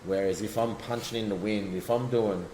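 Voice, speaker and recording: A man's voice: lowish voice, steady tone, moderate pace. An Australian man chatting casually and explaining his fishing technique, often restarting his sentences. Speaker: guest angler. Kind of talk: casual chat. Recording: echoey room, faint background noise.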